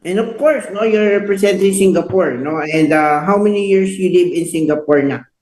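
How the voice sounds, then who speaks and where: A man's voice: high voice, normal speed, darkish tone, roomy sound, rough recording. A Filipino man hosting a radio show, chatting casually, mixing Tagalog and English and ending lines with "no?". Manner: frequent "no?" tag questions, mixes Tagalog and English. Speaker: radio host. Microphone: headset.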